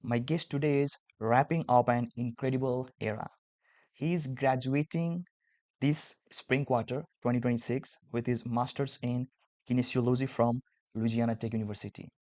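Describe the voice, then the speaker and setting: A man's voice: medium pitch, mellow, no room sound. A man from Nepal, hosting a casual interview podcast in a friendly, complimentary way. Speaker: podcast host.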